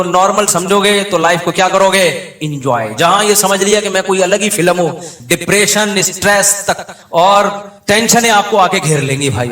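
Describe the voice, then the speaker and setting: Male religious lecturer, animated storyteller, slightly high voice, roomy hall sound. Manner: animated storytelling, acting out quoted people. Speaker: Islamic scholar giving a talk. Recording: echoey hall.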